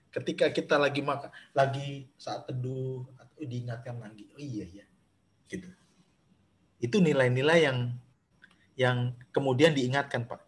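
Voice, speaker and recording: A man, a pastor leading a Bible study over a video call, talking conversationally with many fillers and restarts. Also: medium pitch. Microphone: video call microphone.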